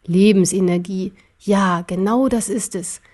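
A woman voicing an arrogant, cruel ancient emperor in an audiobook, speaking slowly and scornfully. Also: mid-range voice, darkish tone, close to an everyday voice. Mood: gloating. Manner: slow, scornful and gloating. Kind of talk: audiobook character voice.

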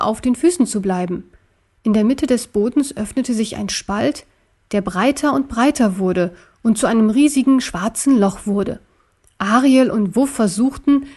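A woman narrating a children's story in a steady, measured reading voice. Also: fairly high pitch.

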